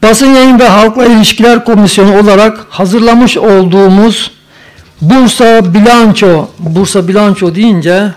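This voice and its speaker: A man's voice: high-pitched, moderate pace. A man speaking at a podium microphone in a council meeting hall, reading a commission report with ceremonious greetings and teasing asides. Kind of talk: formal council speech with joking asides. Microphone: podium microphone at a lectern.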